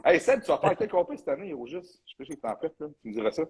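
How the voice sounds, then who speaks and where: A man's voice: fairly high pitch, very animated, quick pace, gravelly, husky, low-quality recording. A man with a Quebec French accent, a bodybuilding coach hosting a casual live chat in a loose, talkative way, sprinkling in English slang.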